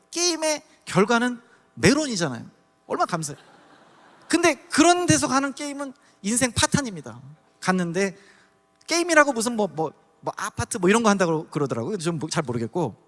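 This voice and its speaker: Man, from Daegu, testimony sermon, animated storyteller, swooping expressive pitch. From Daegu, South Korea. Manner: animated storytelling, acts out scenes. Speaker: guest preacher. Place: church service hall. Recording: long church hall reverb.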